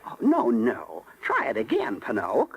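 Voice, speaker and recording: An actor playing a small, flustered, folksy cricket who stammers earnestly, in a 1930s radio drama. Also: male voice, mid-range voice, huge pitch swings, moderate pace, creaky, husky, exaggerated voice. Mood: encouraging. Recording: vintage 1930s radio broadcast with music.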